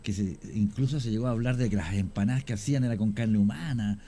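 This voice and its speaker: This warm-toned man with a Chilean accent talks fast in a low-ish voice as a radio studio guest. He's there as a storyteller on cemetery history, spinning long tales punctuated by frequent hesitations.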